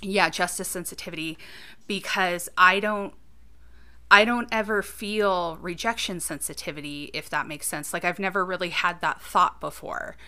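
Bright-voiced woman in her thirties. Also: lowish voice, steady tone, normal speed. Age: 30s. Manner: reflective, talks things through with many "you know"s. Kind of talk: casual conversational chat.

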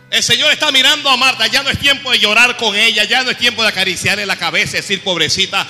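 A man's voice: high-pitched, sharp tone. A man preaching a sermon as pastor, impassioned, repeating phrases and calling on his congregation. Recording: echoey hall with faint music.

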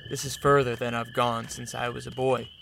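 Man as creaky-voiced, brooding Count Dracula. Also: mid-range voice, little pitch movement, moderate pace, noisy background, lightly acted. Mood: wary, subdued. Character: wary, brooding, sheltered male vampire count. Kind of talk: radio drama acting.

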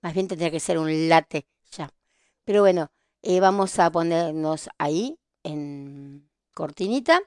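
A woman's voice: low voice, unhurried, a little mellow, clear, resonant tone, no room sound, clean studio sound. A woman in her fifties with an Argentine accent, chatting casually and telling nostalgic stories as a podcast host. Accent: Argentine (Rioplatense). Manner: chatty, nostalgic storytelling with laughs. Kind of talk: casual chat.

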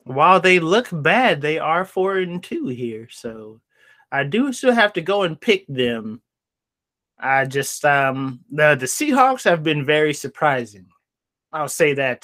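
A young man co-hosting a casual football picks show, relaxed and slangy. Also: mid-range voice. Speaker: co-host. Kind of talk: casual sports picks chat.

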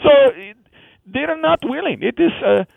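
Playing a phone-in comedy caller, a man voices an Indian woman, an amputee with transplanted hands, in a high, rasping tone. He's animated and heavily acted, rambling in halting, broken English packed with fillers, over a tinny phone line with a dry recording.

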